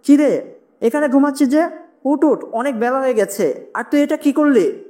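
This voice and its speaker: Narrator plays an anxious old village dad in a horror tale: fretful, scolding, pitched up. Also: brisk, warm tone, natural voice. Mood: surprised. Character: worried old village farmer father.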